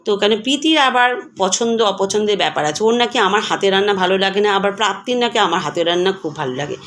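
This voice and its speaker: A woman's voice: mid-range voice, lively intonation, fast talker, a bit bright, a little hiss or hum. A woman in her forties giving a chatty, homely voice-over of her cooking, addressing viewers as friends. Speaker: vlogger.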